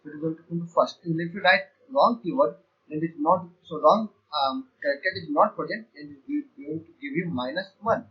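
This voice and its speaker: High-voiced man teaching code, lo-fi sound. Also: a little fast. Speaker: programming teacher. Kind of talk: screen-share coding lecture. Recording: dull lo-fi sound.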